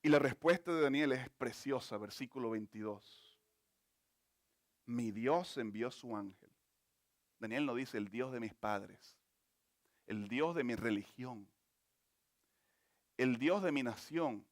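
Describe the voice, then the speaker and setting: A man preaching a sermon as a pastor, swinging between forceful emphasis and hushed, slow phrases. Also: mid-range voice, dry recording, clean studio sound.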